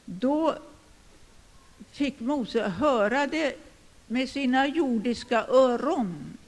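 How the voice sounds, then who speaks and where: High-voiced older man preaching in a hall. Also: expressive. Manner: emphatic, with sudden loud declarations. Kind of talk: sermon. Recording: long hall reverb.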